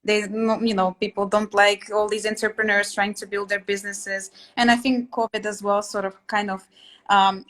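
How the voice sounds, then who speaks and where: A woman's voice: mid-range voice, a bit bright. Young woman from Latvia chatting on a video call. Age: 20s. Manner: chatty, hesitant, many fillers and restarts. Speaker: host, interior sketching teacher. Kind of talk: casual video-call chat. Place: small room at home, indoors. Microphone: laptop webcam on a video call.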